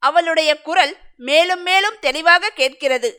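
A woman reading a story aloud in a measured, dramatic narrating manner. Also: extremely high pitch, sharp tone.

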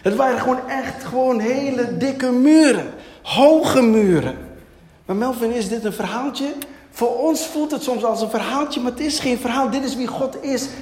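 High-voiced preacher in an echoey hall. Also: male voice, moderate pace. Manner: lively, asks and answers his own questions. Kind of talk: sermon. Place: church hall. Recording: echoey hall, long reverb.

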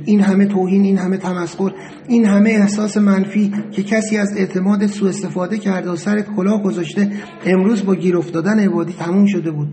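A man narrating a first-person story in a steady, reflective way. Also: high-pitched.

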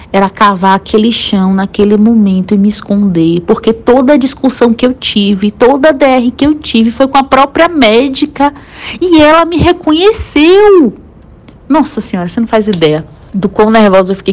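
A woman's voice: medium pitch, a little mellow. A young woman from Brazil with a Brazilian Portuguese accent, animatedly retelling a personal story to a friend with dramatic exclamations.

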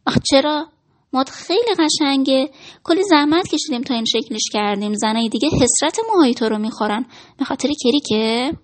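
A woman's voice: sits high, lightly acted. A woman voicing a chatty, caring female hairdresser in a story reading. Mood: coaxing.

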